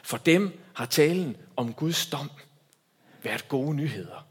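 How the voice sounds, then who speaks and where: A man preaching a sermon as a pastor, swinging between loud emphatic lines and hushed quiet ones. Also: a little high, animated, breathy edge.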